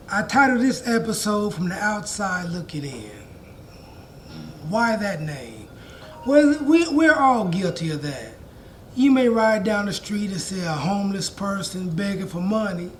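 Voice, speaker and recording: A man in his fifties hosting a podcast, telling stories in a relaxed way and acting out the dialogue. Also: high-pitched, a little hiss or hum. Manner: storytelling, acts out quoted dialogue, relaxed. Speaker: podcast host. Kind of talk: conversational podcast interview.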